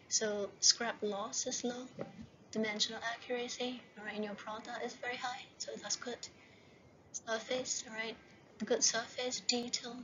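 Through a lo-fi, muffled recording with faint hiss behind it, a woman with a slightly high voice lectures at a university over slides. Her delivery stays flat and steady; she reads each heading slowly and repeatedly checks understanding with "right?" and "okay?"

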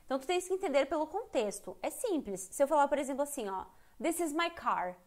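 A Brazilian woman with a fairly high voice teaches English in a live online lesson. She talks candidly and chattily and often breaks off mid-sentence to restart her thought. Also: sing-song, quick pace, a little mellow. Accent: Brazilian Portuguese. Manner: candid, chatty, self-interrupting. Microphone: computer mic on a live stream.

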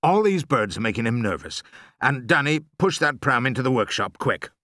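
A man reading an audiobook, voicing a steady, resourceful father who is a poacher, in an easy confident tone. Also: mid-range voice, normal speed, no echo, clean studio sound. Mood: urgent.

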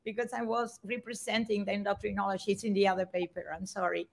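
Gravelly-voiced woman, earnest and apologetic. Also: medium pitch, flat delivery, fast talker. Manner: apologetic, earnest, many restarts. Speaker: research mentor and author. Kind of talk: panel discussion.

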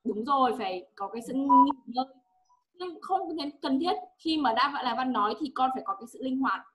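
A woman's voice: high voice, lively intonation, a little fast, fairly bright tone. A woman English teacher with a Vietnamese accent, coaching a pupil one-on-one and patiently repeating words for her to echo.

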